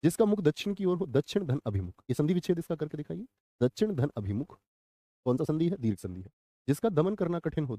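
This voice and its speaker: A man's voice: fairly high pitch, warm tone, no room sound. A young man teaching exam vocabulary in a live online class, quizzing viewers and repeating each answer.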